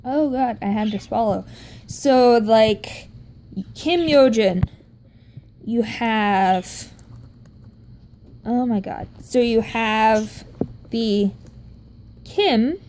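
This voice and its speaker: A woman talks slowly and loosely, explaining things in a chatty, self-interrupting ramble. Her voice is mellow and dark, never sharp. A faint background noise runs under the recording. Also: a little high. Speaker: vlogger explaining Korean writing.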